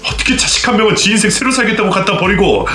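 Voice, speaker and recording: A man plays an enraged young son whose voice jumps up and down as he yells. His tone is bright and forceful. The echoey room carries a faint music bed. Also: lowish voice, expressive, fairly quick. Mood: furious. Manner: shouting, accusing. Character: furious young adult son, shouting accusations. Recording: roomy echo, faint background music.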